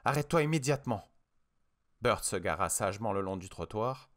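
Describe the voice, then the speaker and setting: A man reading an audiobook with expressive, dramatic narration. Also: sits low, moderate pace. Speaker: audiobook reader.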